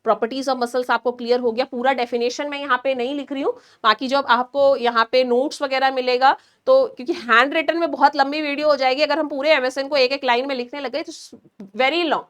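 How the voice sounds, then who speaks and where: A woman's voice: high voice, steady tone. A woman teaching an online nursing class, quizzing her students and then answering herself. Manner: explains slowly with hand demonstrations.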